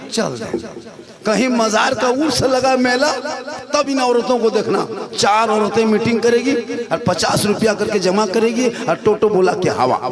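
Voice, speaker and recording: A man from Jharkhand preaching a fiery, impassioned and mocking sermon at a religious gathering. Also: high-pitched. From Jharkhand, India. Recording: live gathering with loud crowd.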